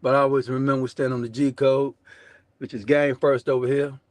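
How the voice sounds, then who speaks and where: A man's voice: medium pitch, little pitch movement, fairly quick, no room sound. Brash Southern US man, slangy show host. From southern United States. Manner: brash, profane, slangy, repeats catchphrases. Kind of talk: casual political commentary, preaching to viewers.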